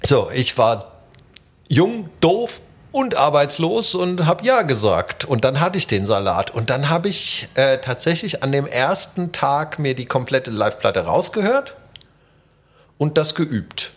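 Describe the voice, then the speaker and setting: A man's voice: fairly high pitch, measured pace. A man from Germany, a guest musician telling stories in a casual interview. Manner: animated storytelling.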